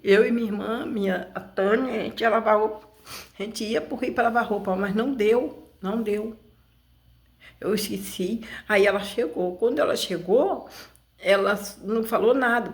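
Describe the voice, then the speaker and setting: A woman giving emotional personal testimony in a halting, repetitive way, with many restarts. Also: fairly high pitch. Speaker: interview guest.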